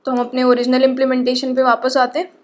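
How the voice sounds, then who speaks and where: A woman with a high voice gives a coding lecture. She walks through each step patiently and keeps checking that her listeners follow along. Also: monotone, quick pace. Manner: explains patiently, often checks in with "ठीक है". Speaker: programming teacher.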